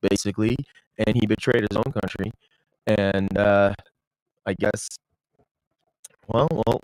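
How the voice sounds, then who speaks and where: A man's voice: on the low side, no room sound, rough recording. A young man hosting a casual stream, rambling with restarts and mocking a clip he is watching. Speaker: streamer host.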